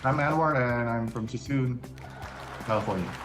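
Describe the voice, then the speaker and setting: A man's voice: mid-range voice, normal speed, music in the background, a crowd in the background. Laid-back young man in a roomy studio. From upstate New York. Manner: laid-back, chuckling often. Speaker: quiz contestant. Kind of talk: casual interview chat. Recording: roomy echo.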